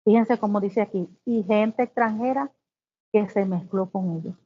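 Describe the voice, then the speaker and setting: A woman giving a devotional Bible teaching, reading scripture slowly and then explaining it with exclamations. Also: medium pitch. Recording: tinny phone-like sound.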